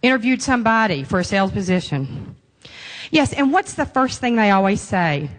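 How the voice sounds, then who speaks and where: A woman sales trainer giving a live conference talk, chatty and lively, laughing often and playing to the audience. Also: mid-range voice, moderate pace, long reverb tail. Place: conference room.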